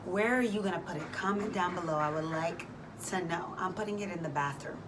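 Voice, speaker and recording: A lower-voiced woman hosts a faith and fitness challenge in a casual devotional vlog that includes prayer, speaking a little fast. Her manner is informal and exhortative as she addresses listeners directly, over clearly noisy background ambience.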